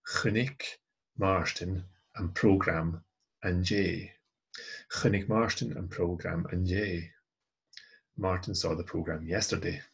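Guy teaching grammar over slides, low husky gravelly voice, patient, lots of ums. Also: fairly even intonation, takes it slowly, long pauses, lo-fi sound. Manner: patient, methodical, with many "um" and restarts. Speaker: language tutor.

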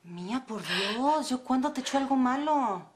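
A woman's voice: sits high, lively intonation, moderate pace, a little hiss or hum. An actress playing a scheming future stepmother in a telenovela, sweet-talking and fake. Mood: sugary. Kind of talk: telenovela acting.

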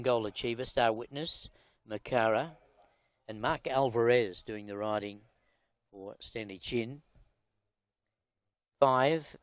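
Man, mid-pitched, racing commentator reviewing a replay, punchy emphasis, dry booth sound. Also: dry recording. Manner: brisk, informal, rising emphasis on horse names. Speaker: race caller.

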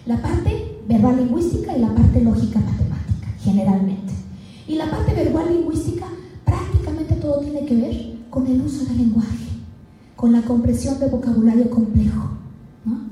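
A woman from Mexico giving a live talk to teachers, animated and full of rhetorical questions. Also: high voice. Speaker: education speaker. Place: large event hall. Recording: echoey hall, distant mic, faint music.

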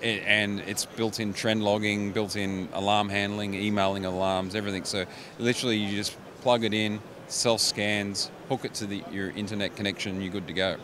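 A middle-aged man with a fairly low voice explains his company's products at a trade show booth, restarting his phrases often. He talks into a handheld mic, and the steady noise of a busy exhibition hall fills the background. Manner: explains products with frequent restarts and quick agreements. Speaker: company managing director. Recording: noisy trade show floor.

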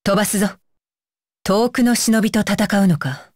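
In Japanese anime game voice lines, a woman plays a stern, dutiful young female ninja bodyguard, using clipped, commanding, blunt phrasing with a firm, composed mood. Her voice is medium-pitched, somewhat mellow and close to everyday speech, at a moderate pace, recorded cleanly in a studio with no room sound.

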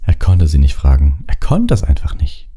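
A man reading a storybook audiobook aloud, expressive, with occasional slips and restarts. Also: rumbling low, moderate pace, breathy edge. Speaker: audiobook reader.

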